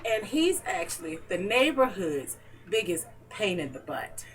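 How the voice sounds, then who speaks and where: A woman's voice: medium pitch, sing-song, unhurried, recorded from a distance, faint music behind, low-quality recording. A woman interviewing her neighbor in a casual home chat, chatty and playfully teasing. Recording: voice from away from the mic.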